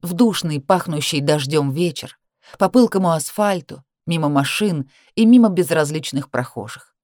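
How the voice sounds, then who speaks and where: A woman narrating a first-person romance novel with an expressive, emotional reading. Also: low-pitched, moderate pace, no room sound, clean studio sound. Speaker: audiobook narrator.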